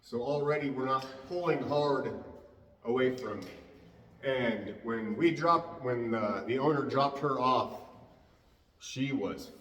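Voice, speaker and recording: Calm dog trainer, distant and echoey. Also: male voice, mid-range voice, takes it slowly. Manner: calm, easygoing, explains as he works. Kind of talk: casual on-the-job explanation. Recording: roomy echo, distant from the mic.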